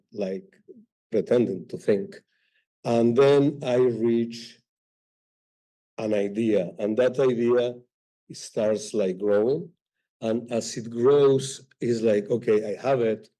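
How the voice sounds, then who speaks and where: A man with a mellow, dark-toned voice talks about his writing on a library panel. He speaks in a halting way, often restarting and hunting for the next word. His pitch sits in a middle range. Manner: halting, searching for words, restarts. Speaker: author on a panel, also teaches. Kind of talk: live panel talk at a library event. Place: library event hall.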